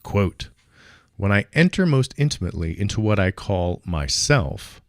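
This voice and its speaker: A man's voice: on the low side, sing-song, unhurried, dry recording, studio quality. A man giving a recorded psychology lecture, with wry asides along the way.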